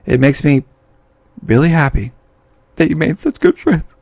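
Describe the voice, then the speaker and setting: A man reading game dialogue aloud, voicing a cheerful but fragile teenage girl with a raised, soft girlish voice. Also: fairly high pitch, wildly swooping pitch, a little slow, no echo, exaggerated voice. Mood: sweet.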